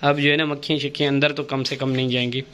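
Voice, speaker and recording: A man's voice: mid-range voice, little pitch movement, rapid-fire. A man, a father and family vlogger, narrating casually and bantering in a teasing, joking way as he moves around outdoors. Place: outdoors on busy streets, moving about. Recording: loud street and vehicle noise.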